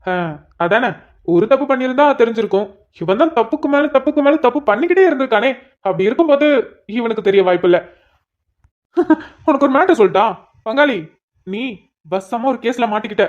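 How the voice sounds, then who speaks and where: A woman's voice: a little high, animated, brisk, natural voice. A woman voicing a self-assured male police officer who teases and mocks. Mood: mocking. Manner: teasing, mocking banter. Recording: dull lo-fi audio.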